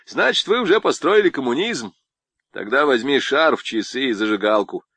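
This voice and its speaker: A man's voice: mid-range voice, expressive, normal speed, a bit bright, breathy edge, no room sound. A man voicing a self-assured male pilot who talks in a wry, joking way.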